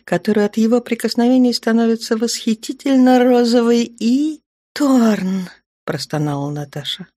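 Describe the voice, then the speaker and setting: A woman narrating a romance novel in an even, measured reading, recorded on a close mic. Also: lowish voice, no echo. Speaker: audiobook narrator.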